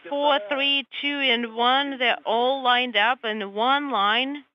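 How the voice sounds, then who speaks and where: A woman interpreting space radio traffic live, in halting, piecemeal phrases. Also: high-pitched, fairly even intonation. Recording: dull, faintly noisy radio feed.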